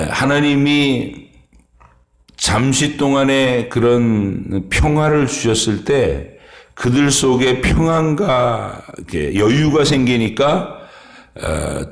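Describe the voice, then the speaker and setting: A man preaching an early-morning sermon as pastor, speaking in a halting way with many pauses and fillers. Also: mid-range voice, echoey room. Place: church sanctuary.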